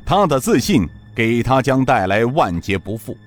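A male storyteller narrates a martial-arts serial in a dramatic, rhythmic style. His pitch sits in the middle but swings widely, and faint music runs under him. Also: sing-song, moderate pace.

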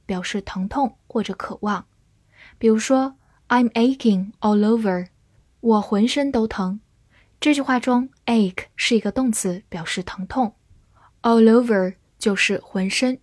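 Slow, measured woman teaching vocabulary. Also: on the high side, darkish tone, dry recording. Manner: slow, measured spelling and example reading. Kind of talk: scripted vocabulary lesson.

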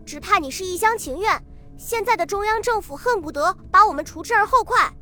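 A woman's voice: extremely high pitch, animated, brisk, sharp tone, faint music behind, exaggerated voice. A woman reading a self-assured male official. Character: older male official, confident and dismissive.

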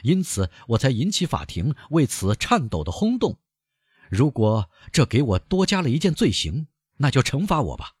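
A man's voice: medium pitch, sing-song, normal speed, a little mellow, husky, no echo, clean studio sound, voice pushed up. A man voicing a defiant young male prisoner on trial, bitter and mocking as he speaks to the court.

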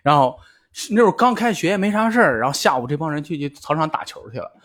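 A man, a podcast co-host, telling a school memory in a relaxed, chatty way. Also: on the high side, fast talker. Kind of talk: casual chat, storytelling.

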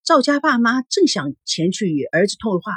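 A woman reading a novel aloud in a dramatic, animated storytelling manner. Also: mid-range voice, normal speed, breathy edge, dry recording, clean studio sound. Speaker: audiobook reader.

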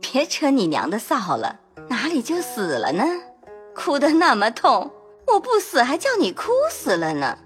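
A woman's voice: fairly high pitch, wildly swooping pitch, normal speed, faint music behind. A woman in her twenties voicing a proud, bitter young noblewoman who sighs and speaks in a cutting, melancholy way in an audio drama. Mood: bitter teasing. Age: 20s.

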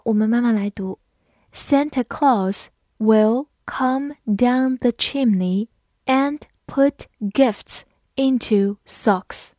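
A woman teaching English vocabulary in a scripted lesson, spelling words out letter by letter and reading example sentences slowly and carefully. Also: a little high, darkish tone, dry recording, clean studio sound.

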